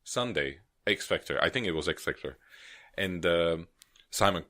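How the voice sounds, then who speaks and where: A man co-hosting a podcast in casual chat, talkative, laughing often and chiming in with quick agreement. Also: low-pitched, animated, sharp tone. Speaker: podcast co-host.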